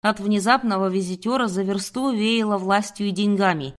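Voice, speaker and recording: Woman narrating in a steady voice. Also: mid-range voice, moderate pace. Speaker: audiobook narrator. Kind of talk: first-person scripted narration.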